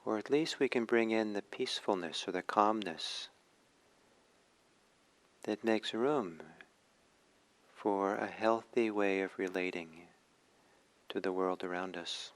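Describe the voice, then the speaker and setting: A man leading a guided meditation as a teacher, speaking in short phrases with hushed pauses between them. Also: lowish voice.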